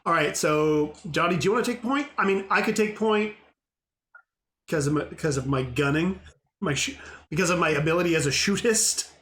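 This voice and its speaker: A man's voice: on the high side, moderate pace. A man playing a tabletop game, joking and laughing with the group. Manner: laughs often, animated. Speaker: player. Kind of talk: casual tabletop play.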